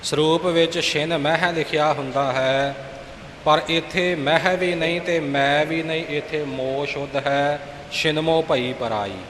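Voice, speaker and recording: Scripture teacher: a man with a slightly raised pitch correcting recitation point by point, in a roomy hall. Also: steady tone, a little slow, a bit bright. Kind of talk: explaining correct pronunciation of scripture. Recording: echoey hall with faint hiss.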